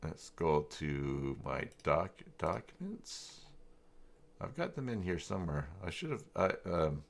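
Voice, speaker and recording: Low-pitched with big swings in pitch, a man speaks slowly with vocal fry, and there's a little hiss or hum in the audio. He's a live stream host demonstrating website software in a casual screen-share, thinking aloud and muttering hesitantly as he searches.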